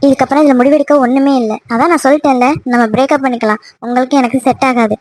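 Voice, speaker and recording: A woman voicing a hurt, angry young woman in a cartoon love story, snapping sharp, dismissive retorts. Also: sits high, steady tone, racing, no room sound. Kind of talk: cartoon voice acting.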